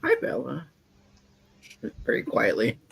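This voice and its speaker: A man's voice: medium pitch, huge pitch swings, slow pace, fairly bright tone. A man casually describing his actions as a player in a tabletop game. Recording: clear background noise and ambience.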